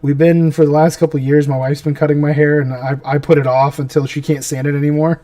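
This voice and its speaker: A fast-talking man with a high-leaning, mellow voice and flat delivery streams his miniature painting in a dry recording. He rambles casually, muttering to himself as he works. The mic is somewhat far off, and there's music in the background.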